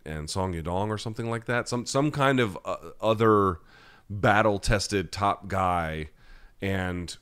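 He has a deep, slightly bright voice. As the American host of a live-chat podcast, he fields listener questions with blunt, conversational, opinionated answers.

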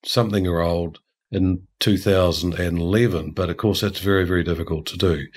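A man's voice: low voice, steady tone, fairly quick. An older man from New Zealand explaining ideas in a discursive, chatty way, full of asides. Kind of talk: casual conversation.

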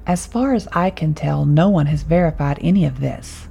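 A woman narrating a horror story in a calm, measured reading voice. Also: low-pitched, gravelly, breathy edge, rough recording.

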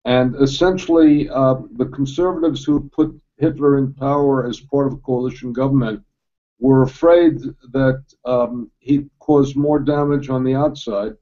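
A man speaking as a historian guest in a panel discussion, measured and with a dry humor. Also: mid-range voice, steady tone, dull audio.

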